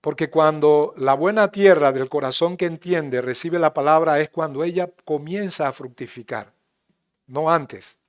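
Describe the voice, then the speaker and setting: A man with a Panamanian Spanish accent preaching a sermon in church, swinging between loud emphatic rises and quiet asides. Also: fairly high pitch, measured pace, clean tone. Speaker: pastor.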